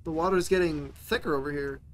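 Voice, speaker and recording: A woman casually commenting while playing a video game, chatty and quick to react out loud. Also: sits low, noisy background. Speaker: gaming YouTuber. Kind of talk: casual let's-play commentary.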